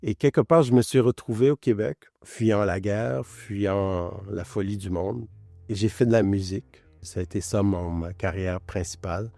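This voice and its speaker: A middle-aged man born in Lebanon speaks. He has a low voice and an earnest, searching delivery with small hesitations. Faint music runs behind him. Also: normal speed, gravelly, warm tone, dry recording, studio quality. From born in Lebanon, raised in Quebec. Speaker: multidisciplinary artist and musician. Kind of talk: interview testimony.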